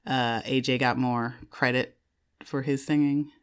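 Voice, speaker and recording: A woman's voice: very deep voice, fairly even intonation, unhurried, clear, resonant tone. A woman in her thirties, a podcast host sitting in as the guest, chatting casually and rambling, correcting herself and laughing often.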